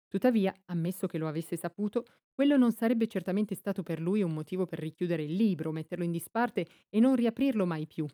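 Calm woman narrating a storybook, low mellow voice. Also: no echo, studio quality. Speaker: audiobook narrator. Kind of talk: scripted audiobook narration.

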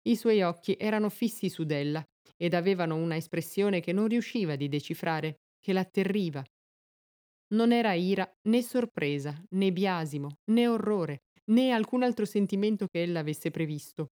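A woman narrating a story aloud in a measured, expressive audiobook reading. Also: lowish voice.

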